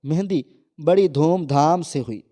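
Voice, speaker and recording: Man narrating a story in a mellow voice. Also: a little high. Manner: reads every character's quoted lines in his own voice, only slightly raised for the girl. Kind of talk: scripted narration of a moral story.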